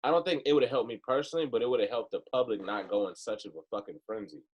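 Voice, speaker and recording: A man's voice: mid-range voice, very fast, breathy edge, highs cut off. A man co-hosting a casual podcast chat, emphatic and given to crude jokes. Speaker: podcast co-host.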